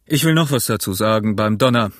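A man's voice: lowish voice, expressive, brisk, fairly bright tone, dry recording, clean studio sound, voice pushed down. A man doing a sly, genial old pirate cook. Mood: menacing. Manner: smooth, amiable tone masking menace.

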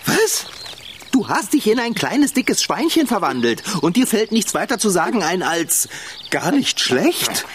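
A man playing an excitable, exasperated young male companion who scolds and yelps in an audio drama. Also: high-pitched, normal speed, slight background noise. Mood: incredulous.

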